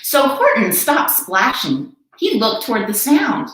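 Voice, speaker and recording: A woman children's librarian presenting a storytime read-aloud with expressive, emphatic delivery. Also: a little high, measured pace. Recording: very echoey room.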